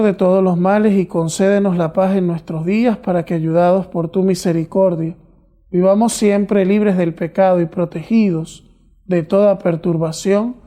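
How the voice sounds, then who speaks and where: High-voiced, soft-toned priest praying at Mass. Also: male voice. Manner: solemn, measured, formal recitation. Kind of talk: liturgical prayer recited at Mass.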